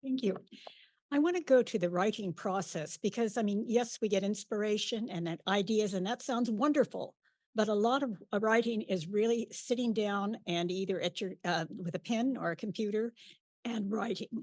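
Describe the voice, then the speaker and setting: Woman, panel moderator, friendly questions, mid pitch, dry sound. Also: moderate pace, darkish tone, no room sound.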